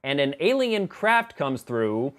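Slightly high and a bit bright, his voice is very animated even though he takes things slowly. He's a film review vlogger in his thirties, delivering a conversational, sarcastic, exasperated movie review to camera from a small home office.

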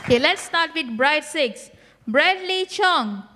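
A woman's voice: high voice, lively intonation, slow pace, bright, forceful tone, faint music behind. A woman emceeing a preschool graduation, announcing names on a handheld mic in a school hall. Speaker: ceremony emcee.

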